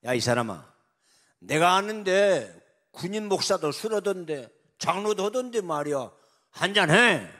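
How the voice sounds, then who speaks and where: A pastor playing a commanding elderly head of state. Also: male voice, sits low, a little slow, darkish tone, breathy edge, pitched below the performer's own voice. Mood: pushy. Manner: bossy, blunt, informal speech to a subordinate. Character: commanding older male head of state, pushy then fatherly.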